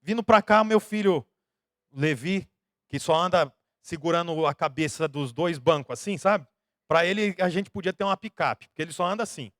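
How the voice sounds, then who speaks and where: A Brazilian pastor in his thirties preaches with a fairly high voice. He keeps the sermon lively and throws rhetorical questions to the congregation, speaking with a Brazilian Portuguese accent. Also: normal speed, no echo, studio quality.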